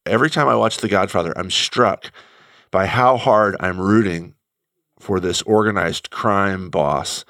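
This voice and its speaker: A middle-aged man speaks as a guest in a very deep voice, recorded dry and close. He talks thoughtfully, stopping and restarting as he searches for words. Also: fairly bright tone, dry recording. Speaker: guest commentator. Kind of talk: conversational radio talk.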